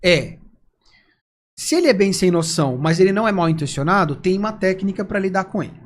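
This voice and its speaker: A man's voice: high-pitched, a little fast. A man with a Brazilian Portuguese accent, a persuasion trainer explaining techniques in conversation and acting out quoted dialogue. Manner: animated, acts out quoted dialogue. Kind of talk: conversational explaining with acted examples.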